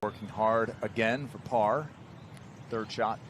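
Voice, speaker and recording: A man's voice: fairly low pitch, fairly even intonation, takes it slowly. A man giving live golf commentary as the lead announcer on a broadcast. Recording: noisy outdoor broadcast sound.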